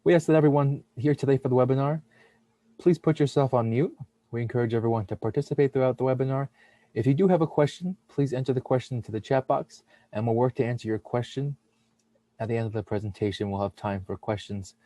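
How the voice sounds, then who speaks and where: Young guy hosting a webinar, reads off his script, warm low-key voice, dry sound. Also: fast, no room sound. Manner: steady, reads long lists of names and titles. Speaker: webinar host, nursing student. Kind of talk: read webinar presentation.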